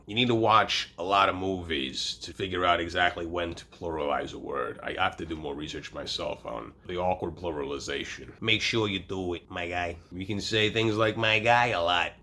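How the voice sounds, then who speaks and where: A man's voice: low voice, pushed and bright. A man with a Brooklyn New York accent hosting a comedic tutorial, talking in emphatic, streetwise slang. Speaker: video host teaching a New York accent. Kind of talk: comedic tutorial talk to camera.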